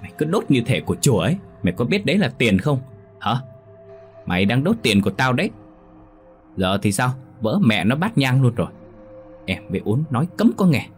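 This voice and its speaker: A man's voice: on the low side, very animated, fairly quick, darkish tone, soft background music. A man voicing a stingy, bad-tempered middle-aged village man who grumbles and scolds. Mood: angry.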